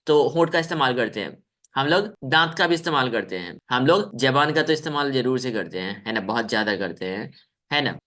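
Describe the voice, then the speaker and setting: A man's voice: on the high side, fairly bright tone. A man teaching children in a live online class over a video call, coaxing them, checking in often and demonstrating sounds.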